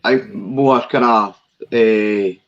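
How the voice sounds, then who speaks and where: A man's voice: fairly low pitch, fairly even intonation, takes it slowly, muffled recording, crowd noise. A Scottish man, a guest musician, chatting easily about his band's influences. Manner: easygoing, brief agreeing replies. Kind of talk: casual chat.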